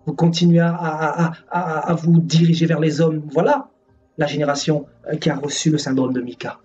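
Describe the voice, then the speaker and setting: A male preacher delivers a fervent, scolding sermon in a high voice, hammering his points with repetition. The sound is dull and a bit distant from the mic. Faint music sits behind him. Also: level tone, normal speed, a little mellow.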